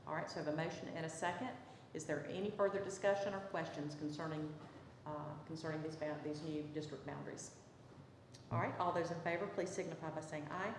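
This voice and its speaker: A woman mayor with a Southern US accent, calmly chairing a city council meeting and calling votes. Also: low voice, quick pace. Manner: procedural, calm, calls votes. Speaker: mayor presiding over council. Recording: echoey council chamber, faint noise.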